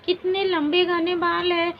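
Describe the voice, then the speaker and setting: A woman's voice: very high voice, flat delivery, measured pace, a little hiss or hum. A woman voicing a vain, spiteful younger wife who taunts her rival. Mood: mocking. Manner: mocking, taunting. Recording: dull lo-fi recording.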